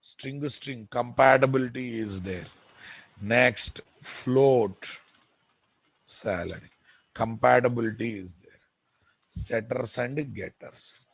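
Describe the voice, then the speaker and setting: A man with a Telugu Indian accent teaching software in an informal lecture, repeating points emphatically and often checking with listeners. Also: medium pitch, slow pace, gravelly, long pauses, slightly rough, dry recording. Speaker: programming instructor.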